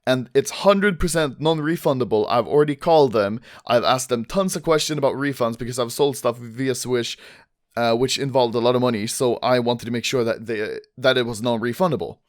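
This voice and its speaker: A young man giving a relaxed, chatty step-by-step tutorial. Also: medium pitch, fairly quick. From Sweden. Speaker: gaming YouTuber. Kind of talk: casual tutorial.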